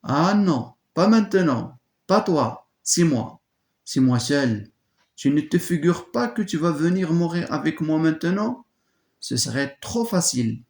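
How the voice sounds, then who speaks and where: A man's voice: mid-range voice, wildly swooping pitch, moderate pace, creaky, few pauses, a little mellow. A man reading aloud the part of a young defiant woman, voice raised and dramatic, in an echoey room.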